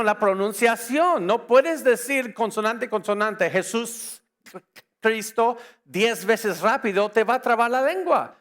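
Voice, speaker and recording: A high-pitched conference speaker, a man whose native language is English, lectures a church audience on apologetics. His delivery is lively and humorous, with a barrage of rhetorical questions.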